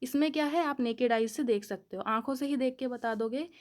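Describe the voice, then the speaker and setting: A woman teacher, giving a classroom lecture, mixing Hindi with English and asking questions that she answers herself. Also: high voice. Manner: mixes Hindi with English and reads definitions slowly and deliberately. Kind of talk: classroom lecture explaining chemistry.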